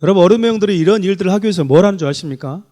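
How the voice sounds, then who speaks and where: A man with a high voice preaches to his congregation. He speaks emphatically and keeps turning to the room with rhetorical questions. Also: racing, dark tone. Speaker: pastor. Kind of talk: sermon.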